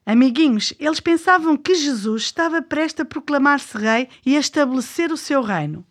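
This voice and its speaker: A woman with a European Portuguese accent and a high voice co-hosts a children's programme. She delivers scripted, conversational storytelling with an inquisitive, expressive manner. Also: normal speed.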